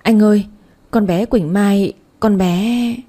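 A distraught middle-aged mother, choked and anxious, in a spoken storybook, as a woman narrator puts her on. Her voice is husky and mellow. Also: medium pitch, fairly quick, lightly acted.

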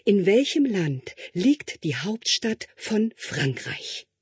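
Man doing a high, fawning royal tutor. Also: breathy edge, no echo, full character voice. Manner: obsequious, flattering, high and drawn-out.

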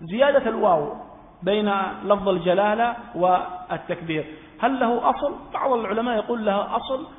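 A man's voice: sits high, brisk. A man from Yemen giving a religious law lesson. He asks questions and answers them himself, and repeats his key points. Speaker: religious teacher. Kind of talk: Islamic jurisprudence lesson. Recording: echoey hall over a phone-like line.

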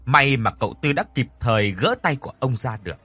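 Expressive male storyteller. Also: mid-range voice, a little fast, husky, dry recording. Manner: expressive, dramatic. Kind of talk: dramatic horror story narration.

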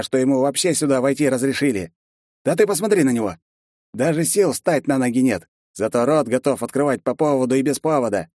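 A man doing a bullying lizard guard, snarling and mocking, raised voice, loud, dry close sound, audiobook. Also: mid-range voice, no echo, voice pushed up, natural voice.

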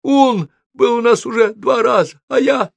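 A man's voice: very high-pitched, measured pace, creaky, no echo, pitched above the performer's own voice, exaggerated voice. A man voicing a frantic young woman under a curse, squealing and panicky, in a storybook reading. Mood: alarmed.

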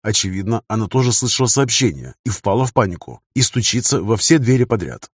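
A man narrating an audiobook in an even storytelling manner. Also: lowish voice, a little fast, husky, no room sound, studio quality. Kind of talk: scripted narration.

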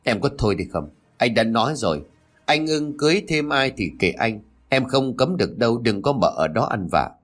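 A man's voice: mid-range voice, animated, moderate pace, fairly bright tone. A man voicing the stern husband of a household in a spoken story, curt and commanding.

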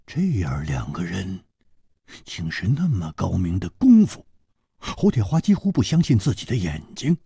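A man telling a martial arts tale for radio in a vivid, animated storytelling style. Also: normal speed, creaky, husky, no echo, clean studio sound. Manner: highly animated, vivid delivery.

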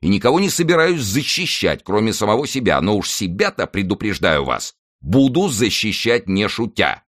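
A man's voice: low-pitched, sing-song, moderate pace. D'Artagnan, a cocky musketeer voiced by a man. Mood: defiant. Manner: cocky and defiant. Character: brash bold young musketeer officer.

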